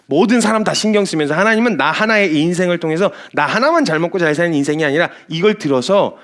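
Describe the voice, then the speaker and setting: A man who is a missionary preacher, giving a sermon full of lively stories. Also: on the high side, fast. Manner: animated, storytelling.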